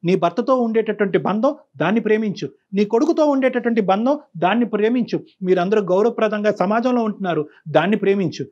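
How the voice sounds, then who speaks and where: A man's voice: high-pitched, animated, brisk, darkish tone, muffled recording. A man counseling a caller on a call-in show, stern and preachy, repeating phrases for emphasis. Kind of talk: lecturing advice to a caller.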